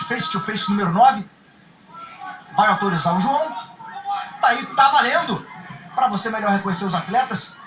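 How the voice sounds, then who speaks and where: A Brazilian man giving live, excitable play-by-play commentary on a fight. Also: high-pitched. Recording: muffled echoey broadcast, loud music.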